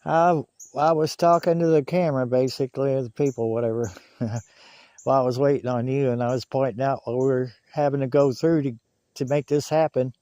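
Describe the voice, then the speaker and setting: Outdoors on a hill, a man reviews walkie-talkies, chatting casually in folksy, colloquial phrases both to camera and over a two-way radio. His mid-range voice is brisk, dark and fairly even, and the recording is muffled but echo-free.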